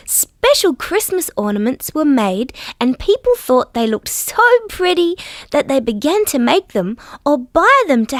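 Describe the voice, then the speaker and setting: A woman with an Australian accent voicing a friendly, gentle dinosaur who sweetly and patiently tells stories to small children in a children's show. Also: high-pitched, no echo, clean studio sound. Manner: sweet, patient, carefully enunciated. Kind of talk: scripted storytelling for small children.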